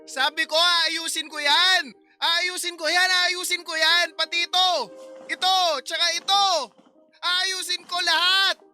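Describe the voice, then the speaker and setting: A woman's voice: extremely high pitch, little pitch movement, a little slow, bright, forceful tone, faint music behind, full character voice. A woman voicing a simple-minded, childlike young husband in a radio drama, talking in repetitive, insistent phrases. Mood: fixated, insistent.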